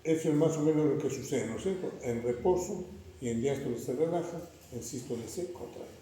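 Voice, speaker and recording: A man's voice: mid-range voice, brisk, dark tone, a little hiss or hum. A man lecturing a class, questioning his students rhetorically and checking in with frequent "right?" tags. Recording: echoey classroom recorded from far off.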